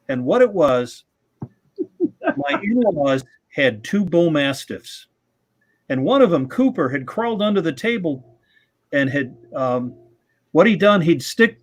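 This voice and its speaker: A middle-aged man hosting a live radio-club stream, telling rambling, chuckling anecdotes in casual chat. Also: high voice.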